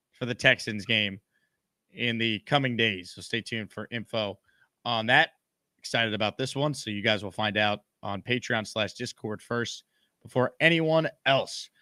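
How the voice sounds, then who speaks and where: A man's voice: mid-range voice, bright, forceful tone, no room sound, studio quality. A man hosting a live sports call-in show.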